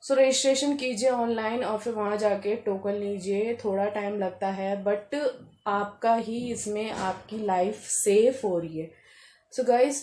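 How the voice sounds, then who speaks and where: A woman's voice: medium pitch, darkish tone. A young woman from Uttarakhand chatting casually to camera as a vlogger, full of fillers and breaking into laughter as she tells a story. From Uttarakhand, India.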